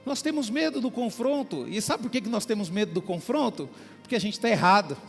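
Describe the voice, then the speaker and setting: A male pastor preaching a sermon, talking warmly to the congregation and acting out little everyday dialogues. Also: high voice, animated, brisk, vocal fry, big-room sound, faint music behind. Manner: preaching with small acted-out dialogues and frequent "queridos".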